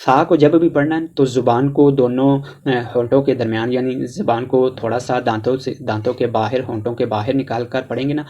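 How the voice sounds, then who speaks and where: Male tajweed teacher, Pakistani Urdu accent, mellow tone, slow drawn-out letter drills. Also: medium pitch, fairly even intonation, dull audio. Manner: slow, drawn-out recitation of letters between plain explanations. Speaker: Quran reading teacher.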